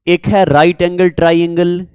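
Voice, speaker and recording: In a classroom-style maths lecture, a Kashmiri-accented man from Jammu and Kashmir, India, keeps quizzing his viewers in a repetitive, coaxing way. His voice sits high with a darkish, smooth tone, and the delivery is flat and a little slow, with no room sound.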